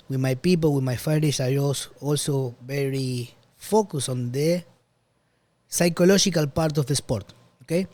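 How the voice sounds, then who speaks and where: A man's voice: on the high side, a little mellow, no room sound. A man from Argentina hosting a podcast interview, casual and profane, with loose phrasing. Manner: swears freely, loose non-native phrasing. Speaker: podcast host.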